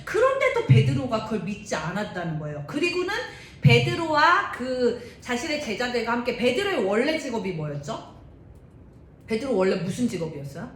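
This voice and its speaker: Lively woman retelling a Bible story. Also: moderate pace. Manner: lively, chatty, asks the class questions. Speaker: Bible teacher for youth. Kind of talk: animated Bible storytelling lesson. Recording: roomy echo, faint rumble.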